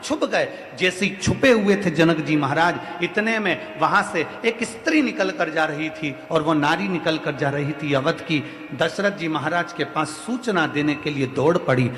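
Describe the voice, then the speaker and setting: Brief: male devotional storyteller, high voice, chant-like repetition, long hall reverb. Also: lively intonation, measured pace, a bit bright. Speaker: religious storyteller. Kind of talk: devotional scripture storytelling sermon.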